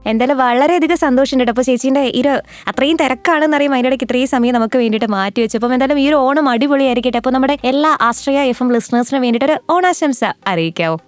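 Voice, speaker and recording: A woman's voice: high-pitched, quick pace, dry recording, faint music behind. A woman working as a radio jockey, hosting an interview in a chatty, encouraging way and mixing in English.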